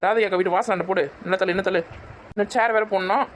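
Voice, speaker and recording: Rapid-talking woman. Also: medium pitch, steady tone, slight background noise. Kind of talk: comic sketch acting.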